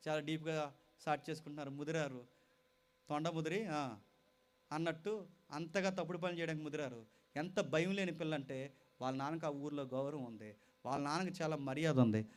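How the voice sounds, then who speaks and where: A man preaching a sermon with passion. He moves from loud appeals to quieter storytelling, speaks straight to his listeners and repeats phrases for weight. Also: fairly high pitch, fairly quick, pauses often. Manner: impassioned, swings from loud exhortation to quiet storytelling; addresses listeners directly and repeats phrases for emphasis.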